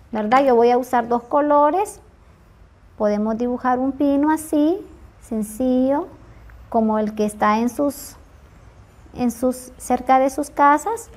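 A woman in her thirties from Honduras, a preschool teacher giving a televised lesson in a slow, sing-song, affectionate way to small children. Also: high voice. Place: classroom, then outdoor garden.

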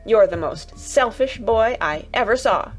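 A woman voicing a stubborn, sour-tempered young girl in a storybook reading, with fierce, sharp retorts. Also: on the high side, expressive, a little slow, soft background music, pitched above the performer's own voice, poor audio. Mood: scornful.

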